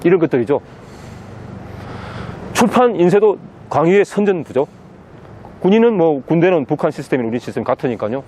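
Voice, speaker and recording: A man's voice: a little high, very animated, brisk, pauses often, dark tone, slight background noise. A man giving an impassioned outdoor interview, pressing his points by repeating the same words again and again. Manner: insistent, hammers key words again and again. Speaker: interviewee, political commentator. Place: outdoors in a city.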